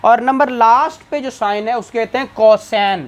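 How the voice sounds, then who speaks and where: A man's voice: very high-pitched, normal speed. A man giving a classroom lecture as a law exam tutor, asking questions and answering them himself.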